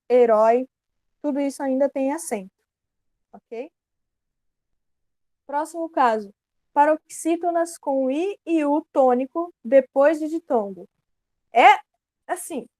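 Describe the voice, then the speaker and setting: A Brazilian woman teaching a grammar lesson in a relaxed, explanatory way, often correcting herself mid-sentence. Her voice sits a little high but sounds mellow. The recording is dry and close. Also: no room sound. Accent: Brazilian Portuguese. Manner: explanatory, casual, self-correcting.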